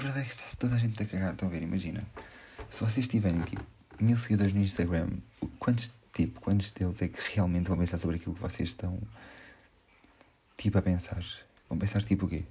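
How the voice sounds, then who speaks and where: A man's voice: low-pitched, quick pace, mellow, slight background noise. A young man with a European Portuguese accent, talking in a casual, slangy monologue, hesitating and circling back on his thoughts. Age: young adult. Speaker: podcast host.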